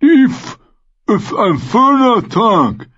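A slobbering, lisping mercenary chief. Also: male voice, very high-pitched, very animated, fairly bright tone, lo-fi sound, voice pushed up, heavily acted. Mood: mocking. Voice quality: lisping, drawn-out slobbering speech. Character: slobbering, lisping mercenary captain, greedy and cruel. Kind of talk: audiobook character voice.

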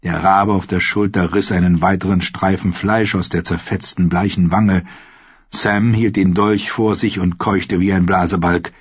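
A man reading scripted narration for an audiobook in a steady, measured way. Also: low-pitched, breathy edge, dry recording. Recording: slightly dull dry studio recording.

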